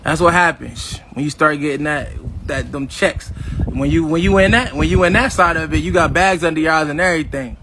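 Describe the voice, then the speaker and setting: With a fairly quick, slightly high voice over a noisy background, a man in his fifties swaggers through a boastful livestream. He addresses viewers directly as "y'all" and reenacts old conversations as quoted exchanges.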